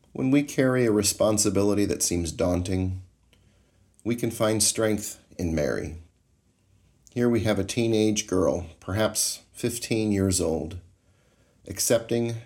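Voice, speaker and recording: Man, very low voice, unhurried, calm meditation guide. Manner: calm, slow, measured, soothing.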